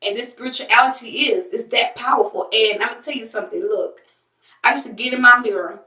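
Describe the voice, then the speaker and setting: A woman's voice: fairly high pitch, brisk, bright, forceful tone, distant mic. Woman, spiritual talk host, emphatic, repetitive, casual slang, echoey room. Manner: emphatic, preachy, repeats phrases. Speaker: spiritual tarot channel host.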